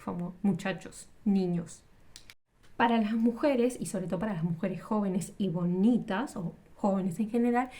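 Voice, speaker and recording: A woman gives a relaxed Spanish lesson, her voice mellow and warm at a middling pitch. She explains patiently with examples and often stops to rephrase or correct herself mid-sentence. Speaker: Spanish teacher.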